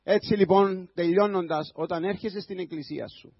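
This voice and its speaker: A man pastor giving a sermon, building to loud, impassioned preaching. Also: sits high, breathy edge, no room sound, dull audio. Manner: preaching with a rising voice, shouting at times.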